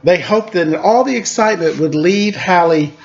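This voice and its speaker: With dull audio and a little background noise, a man whose voice sits high reads a story-time picture book in an animated way. He doesn't rush, keeps things playful, and stops to comment casually on the pictures.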